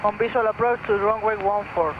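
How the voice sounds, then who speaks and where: A man speaking as a pilot, making clipped, rapid radio calls from a cockpit headset over aviation radio. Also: high voice, fairly even intonation. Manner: clipped, rapid read-backs. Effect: pilot's cockpit headset heard over aviation radio. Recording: tinny radio transmission with engine noise.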